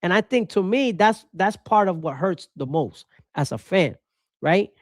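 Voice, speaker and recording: A man's voice: high-pitched, lively intonation, unhurried, no echo, clean studio sound. A man from Rico, hosting a baseball podcast with passionate, opinionated commentary and repeating his points for emphasis. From Puerto Rico.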